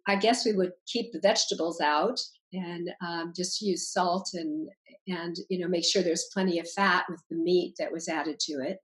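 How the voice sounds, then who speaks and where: A woman's voice: lowish voice, steady tone, moderate pace, poor audio. A woman in her sixties hosting an interview, asking long rambling strings of questions with fillers. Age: 60s. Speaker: host.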